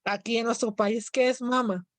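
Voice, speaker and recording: A woman's voice: a little high, steady tone, normal speed, no room sound. A woman teacher with a Mexican accent lecturing a class, explaining step by step and often checking in with her students. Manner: explanatory, asks students questions.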